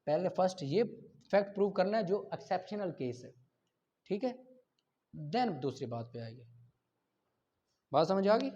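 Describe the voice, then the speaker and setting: This dull, lo-fi classroom recording captures a Pakistani man lecturing on law, reading out statutes and explaining them while regularly checking his students' understanding. His high, mellow voice has lively intonation, and he speaks at a measured pace with frequent pauses, mixing Urdu and English.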